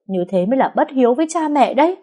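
Woman doing a crying young girl, pleading, higher voice, kinda breathy. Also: expressive, fast, warm tone. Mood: defiant. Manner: tearful, pleading. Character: young woman, desperate and defiant lover.

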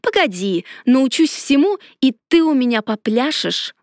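A woman voicing a feisty, sharp-tongued young witch who snaps back quarrelsomely, in a storybook reading. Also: sits high, very animated, unhurried, dry recording, studio quality, heavily acted. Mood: taunting. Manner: snappy and quarrelsome.

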